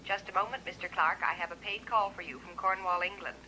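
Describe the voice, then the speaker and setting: A woman's voice: on the low side, fairly quick, bright, forceful tone. A woman playing a courteous, businesslike telephone switchboard operator in a 1950s film, speaking in formal, clipped phrases. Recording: noisy old film soundtrack.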